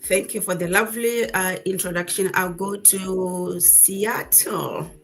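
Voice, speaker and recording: Woman host from Botswana, cheerful live-stream presenter on a video call, mid pitch. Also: steady tone, a little slow, vocal fry. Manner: upbeat, laughs easily, formal greetings.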